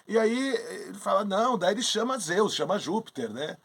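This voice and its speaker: A man with a somewhat high, husky voice tells an old myth in casual talk. He jumps between the story's characters and plays out their lines. Lively and conversational. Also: brisk. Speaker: astrologer co-host.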